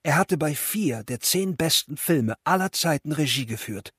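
Guy reading his own story aloud, kinda high voice, joking at himself, super dry studio mic. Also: normal speed, slightly rough, no echo. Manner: lively, self-mocking storytelling. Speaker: audiobook narrator. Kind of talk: scripted audiobook narration.

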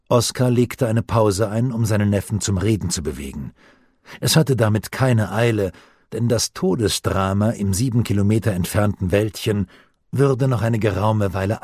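Man, audiobook narrator, calm and measured, husky voice, dry close sound. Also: fairly low pitch, no room sound. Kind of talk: scripted narration of a novel.

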